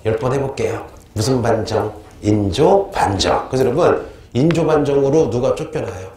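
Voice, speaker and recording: A middle-aged man teaches history in a lively classroom style, constantly quizzing his students and answering his own questions. His delivery is animated and conversational. The room is echoey and roomy, with a faint noise bed underneath. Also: medium pitch, moderate pace.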